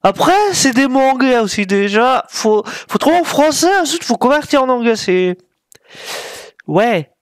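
A man's voice: very high-pitched, animated, unhurried, dry recording, studio quality. A man giving casual gameplay commentary, thinking aloud while he plays and mocking himself with frequent apologies. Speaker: gaming YouTuber.

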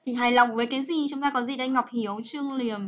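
A woman's voice: a little high, fairly even intonation, fast talker. A young woman teaching English grammar on a livestream, chatty and coaxing, full of fillers and checks with her students.

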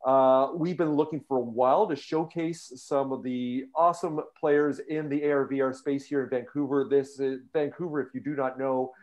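A man from Canada hosting a live virtual show from home, upbeat and chatty, his voice going a little hoarse. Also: medium pitch, steady tone, normal speed, few pauses, darkish tone. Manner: upbeat, chatty, jokes with audience. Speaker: host. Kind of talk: casual live show intro. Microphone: video call.

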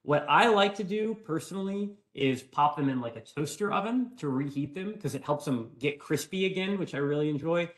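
A man's voice: fairly high pitch, animated, normal speed, hardly any pauses. Young man, casual cooking-demo host, friendly and chatty, recorded in a small home kitchen. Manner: friendly, chatty, answers viewer questions. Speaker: cooking demonstrator. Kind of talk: live cooking demonstration. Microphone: fixed camera at medium distance.

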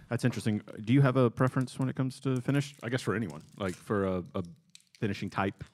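A man's voice: medium pitch, a little fast, a little mellow. A man hosting a podcast, joking casually and stacking rephrased questions for his guests. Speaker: podcast host.

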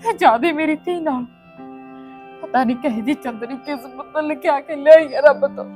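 A very high, tear-choked voice of a desperate mother wailing for her lost daughter, played by a woman in a family drama. She pleads and laments through sobs, with soft music faintly underneath. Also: moderate pace, natural voice. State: crying. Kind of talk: Punjabi family drama acting.

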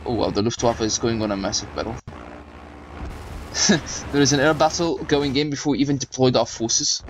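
Poor audio with slight background noise carries a medium-pitched male voice. He's a young gaming channel host whose first language isn't German, chatting loosely during play and reading out mission briefings in casual commentary.

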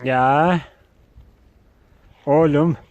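A man's voice: fairly even intonation, extremely slow, darkish tone, highs cut off. Chatty man in a noisy outdoor kennel. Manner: chatty, talks sweetly to his dogs in a higher voice. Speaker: dog breeder showing his kennel. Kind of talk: casual vlog narration. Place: outdoors in snow at a rural kennel.

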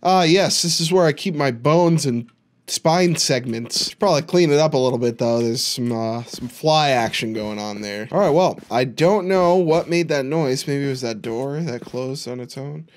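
A man's voice: mid-range voice, normal speed. A man giving casual, jokey commentary while playing a horror game, with dry sarcastic asides. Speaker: video game streamer.

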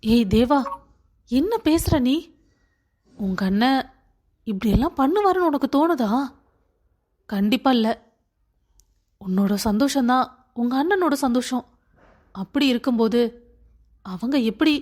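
A scolding sister-in-law. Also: female voice, high-pitched, expressive, a little slow, long pauses, a little mellow. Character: sister-in-law, scolding and defending her husband. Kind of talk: cartoon voice acting.

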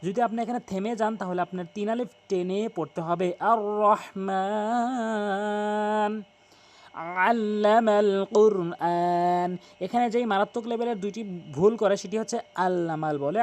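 A man teaching Quran pronunciation, spelling out letters slowly and repeating each correction. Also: high-pitched, a little mellow.

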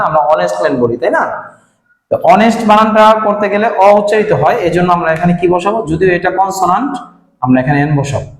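A man teaches a grammar lesson. He explains each rule step by step and keeps asking his students questions. His voice echoes around the room, with a long reverb trailing behind it. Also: high-pitched. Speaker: English teacher.

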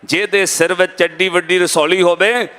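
A man's voice: high voice, steady tone, moderate pace, bright, forceful tone. A man with a Punjabi accent giving a dramatic storytelling sermon, addressing the congregation directly. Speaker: Sikh katha preacher. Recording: reverberant hall.

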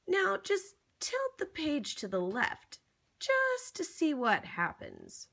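This children's storybook reader has a high, gravelly, somewhat bright voice and reads slowly with huge swings in pitch. She reads a picture book to young children theatrically, with exaggerated gasps and exclamations, encouraging and coaxing the child she's addressing.

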